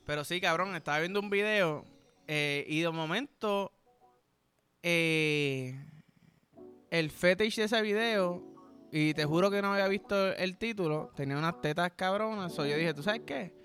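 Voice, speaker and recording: A high-voiced man with a Puerto Rican accent tells crude comic stories as a podcast host. His voice is bright and forceful, he rambles and swears freely and slips into the voices of the people in his stories, with faint music behind him. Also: unhurried. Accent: Puerto Rican Spanish. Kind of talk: crude comedic storytelling monologue.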